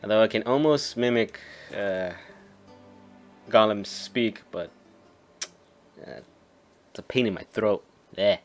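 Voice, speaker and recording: A man's voice: lowish voice, slow, long pauses, faint music behind. A man from the United States giving casual commentary while playing a video game, talking offhand and a bit self-deprecating. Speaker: gameplay streamer. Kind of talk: casual let's-play commentary.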